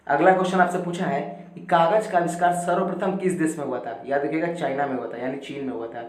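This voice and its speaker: A man's voice: on the high side, reverberant. A man teaching an exam quiz lesson, going through questions and answers with emphatic, repeated reminders.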